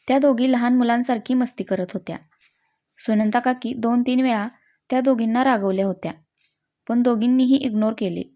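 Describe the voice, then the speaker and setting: A woman narrating a family story in a steady, simple storytelling manner. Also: fairly high pitch.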